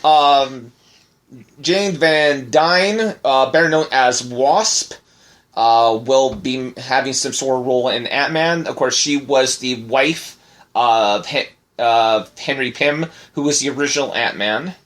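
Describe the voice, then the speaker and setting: A man co-hosting a laid-back podcast, his voice sitting at an ordinary middle pitch. He rambles, restarts and fills gaps with "uh" and "I mean" as he runs through the news. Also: slow pace, a bit bright. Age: adult, married. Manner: rambling, many fillers and restarts. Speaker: podcast co-host. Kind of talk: casual podcast chat.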